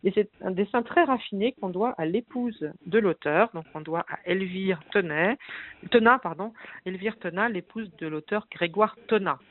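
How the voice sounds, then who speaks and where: A woman's voice: mid-range voice, moderate pace, few pauses. Chatty woman over a tinny phone line. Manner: chatty, many fillers and restarts. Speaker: book reviewer and blogger. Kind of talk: casual radio chat on the phone.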